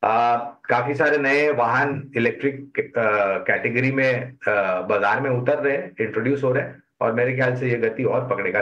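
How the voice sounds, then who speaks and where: A male market expert gives measured, explanatory commentary from a remote studio. His pace swings between slow and quick. The remote link sounds slightly dull and muffled. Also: medium pitch, fairly bright tone.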